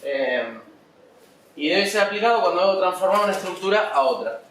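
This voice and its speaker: A man's voice: high voice, lively intonation, brisk, a bit bright, slight background noise. Man lecturing, "¿sí?" checks. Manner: says "¿sí?" often to check understanding; fillers "eh" and "este". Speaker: programming teacher. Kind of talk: lecture on software design. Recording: echoey room, distant mic, faint ambience.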